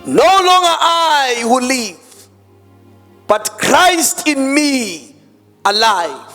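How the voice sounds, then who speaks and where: A man preaches into a pulpit microphone in a strikingly high, lively voice. He stretches his words out slowly and leans hard on key phrases. His voice rings with a long church-hall reverb over faint music. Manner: emphatic, drawn-out preaching with mixed-in Xhosa words. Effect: speaking into a pulpit microphone. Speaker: pastor. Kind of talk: sermon.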